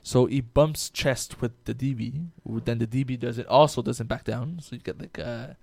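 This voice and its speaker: A man's voice: mid-range voice, fairly even intonation, moderate pace, gravelly, a little mellow, no echo. A man in a casual sports chat, rambling through a game story with restarts and casual swearing. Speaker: podcast co-host.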